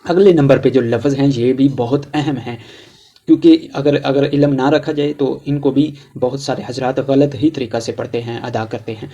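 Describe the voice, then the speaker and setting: Pakistani urdu guy teaching quran reading, soft dark voice, stretches letters out long. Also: medium pitch, steady tone, highs cut off. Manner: slow, drawn-out recitation of letters between plain explanations. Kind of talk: tajweed lesson, explaining and drilling letters.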